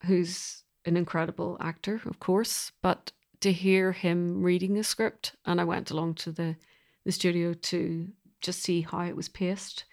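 Speaking as an interview guest about her creative work, a woman chooses her words thoughtfully and with emphasis, feeling her way through each sentence. Her voice is lowish and darkish, level in tone, and unhurried in this reflective conversation.

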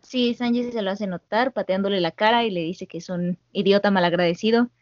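A woman's voice: medium pitch, fairly quick, darkish tone, no room sound. Woman host, casual recap chat, laughs a lot, acts out lines, dry, slightly dull call audio. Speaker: podcast host recapping an anime. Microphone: online call mic.

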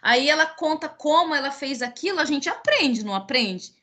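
A woman's voice: high voice, expressive, moderate pace, a bit bright. A woman from Paraná with a Minas Gerais touch in her Brazilian Portuguese, a teacher hosting an educational podcast in a reflective way with frequent restarts. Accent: Brazilian Portuguese with Minas Gerais traits. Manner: reflective, speaks in repeated restarts. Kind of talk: casual educational podcast chat.

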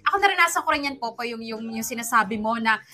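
A woman with a high, very bright voice giving listeners heartfelt advice. She talks earnestly in Taglish and keeps checking in with her co-host. Her delivery is warm in intent but sharp in tone. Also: expressive, quick pace. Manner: earnest, Taglish, many tag questions.

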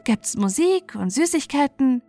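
A woman's voice: high-pitched, big pitch swings, measured pace, mellow, faint music behind, pitched above the performer's own voice, full character voice. Woman reading as a scared teenage girl. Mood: wary. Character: 18-year-old girl, defiant and frightened.

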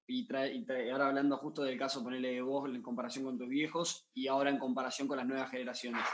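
A man with an Argentine accent, an interviewer who asks long, loose questions full of fillers. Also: medium pitch. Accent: Argentine Spanish. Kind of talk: casual interview.

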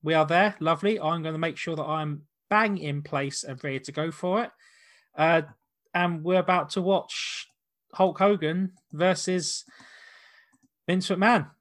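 A man with a fairly high voice hosts a casual watch-along. He talks in a loose, rambling way, circling back to rephrase his points. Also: a little slow, a bit bright. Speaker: podcast host.

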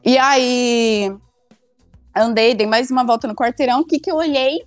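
A woman's voice: fairly high pitch, normal speed, no echo, faint music behind. A young woman tells a funny story casually, acting out her own lines. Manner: animated, acts out her own past lines.

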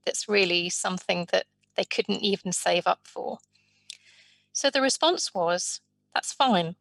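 Measured woman telling her story. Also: mid-range voice, expressive, gravelly, fairly bright tone, no room sound. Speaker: sign language interpreter voicing the guest. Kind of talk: first-person life story in an interview.

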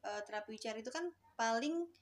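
A woman's voice: fairly high pitch, animated, fast talker. A woman speech therapist, a guest on an interview show, explaining her work in a casual, hesitant way with many fillers and restarts.

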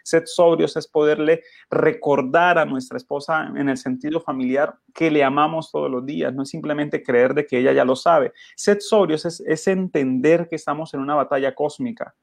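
Emphatic pastor, higher voice. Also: male voice, moderate pace, creaky, hardly any pauses, dry recording, clean studio sound. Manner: earnest, emphatic, rhetorical questions to listeners. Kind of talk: radio Bible study preaching.

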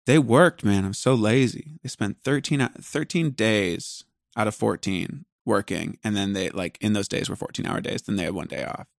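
A man's voice: lowish voice, normal speed, gravelly, hardly any pauses, dry recording, clean studio sound. A man hosting a podcast, talking casually in a rambling, self-deprecating way that jumps between thoughts. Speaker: podcast host and musician.

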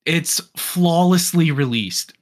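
Excited young man chatting about games. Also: on the high side, slow. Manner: excited, rambling with many restarts. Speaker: podcast co-host. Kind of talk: casual gaming news chat.

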